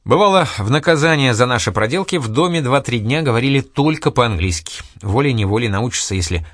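A man's voice: mid-range voice, expressive, brisk, no echo, clean studio sound, pitched above the performer's own voice, close to an everyday voice. A male narrator voicing a hearty, effusive army general greeting his younger brother. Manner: exclaiming, effusive.

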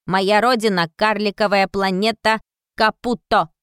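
A woman voicing a small rusty toy space robot in a storybook, speaking in slow, clipped, mechanical words. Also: mid-range voice, steady tone, a bit bright, clear, resonant tone, no echo, studio quality, voice pushed up, natural voice. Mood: robotic. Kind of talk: storybook reading.

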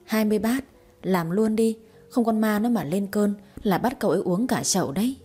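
A woman reading a story, voicing a sharp-tongued young wife who fakes exorcism chants in mock gibberish. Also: medium pitch, a little fast, husky, faint music behind, close to an everyday voice. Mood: brash. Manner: brash, mocking, gibberish chanting.

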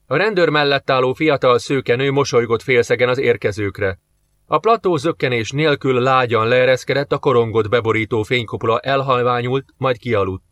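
Measured male audiobook narrator, middle pitch, dry studio mic. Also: fairly bright tone, dry recording, muffled recording. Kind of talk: scripted narration.

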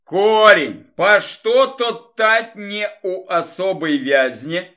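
A man's voice: sits high, lively intonation, slow, sharp tone, voice pushed up, heavily acted. A man reading the lines of a brusque soldier leader in an audiobook, dry and teasing. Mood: wry.

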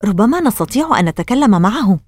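A woman's voice: fairly high pitch, big pitch swings, fast talker, a little mellow, dry recording. A woman voicing a frightened young boy who asks anxious, pleading questions. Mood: worried.

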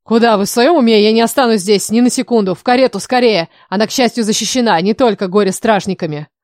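A hot-tempered young king snaps orders at his guards in a loud, commanding voice, as a woman reads him in a storybook recording. The voice sits a little high and is recorded dry and close. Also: fast talker, dry recording, natural voice.

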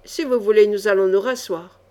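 A woman voicing a cool, ironic young male chevalier in a storybook reading, calm and mocking. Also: mid-range voice, normal speed, natural voice.

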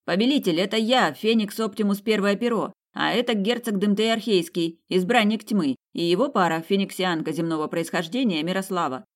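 An audiobook reader voicing an eager male fire-mage who serves his lord, speaking in a raised, lively voice. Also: medium pitch, brisk, few pauses, voice pushed up, natural voice. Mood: earnest.

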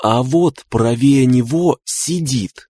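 A man reading an audiobook, voicing a calm, learned male engineer who speaks in a firm, measured way. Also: medium pitch, breathy edge, no room sound, pitched above the performer's own voice.

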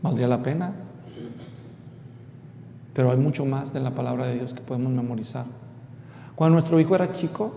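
Gravelly-voiced man preaching in an echoey hall. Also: mellow. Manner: storytelling, addresses the congregation directly. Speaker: pastor. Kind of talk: expository sermon. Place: church hall. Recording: echoey hall with faint rumble.

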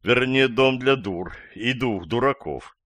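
A man's voice: medium pitch, expressive, slow pace, a bit bright, no room sound, pitched above the performer's own voice. A fed-up male investigator, read by a male audiobook narrator speaks in his own plain voice. He talks curtly and dryly, sighing at the nonsense around him. The sound is close and dry. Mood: exasperated. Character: exasperated male investigator Starkov. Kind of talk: audiobook character voice.

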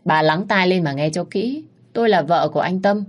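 A woman voicing a sharp-tongued, scheming young mistress in a storybook reading. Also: medium pitch, expressive, a little fast, pitched above the performer's own voice, natural voice. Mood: shrill.

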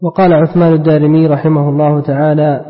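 A man's voice: on the high side, flat delivery, fast talker. A man reading a classical text aloud to his teacher, repeating phrases when he is asked. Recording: dull lo-fi sound in a reverberant hall.

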